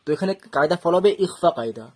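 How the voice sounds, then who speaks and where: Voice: mid-range voice, lively intonation, very fast, a little mellow. A Quran reading teacher giving an online lesson, explaining step by step with patience and drawing out each letter sound at length when reciting.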